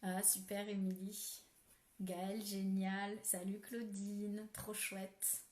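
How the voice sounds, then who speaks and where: A woman hosting a live spiritual ritual, guiding softly and then chatting while reading viewers' comments, with many fillers. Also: mid-range voice, flat delivery, slow pace. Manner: soft, gentle guidance with many fillers. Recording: roomy echo.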